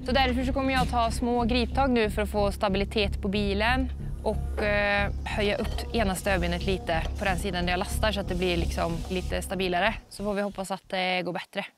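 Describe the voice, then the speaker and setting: A woman's voice: medium pitch, steady tone. Swedish woman truck driver thinking aloud. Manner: thinking aloud, swearing under stress. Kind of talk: reality TV commentary. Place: truck cab. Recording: music playing underneath.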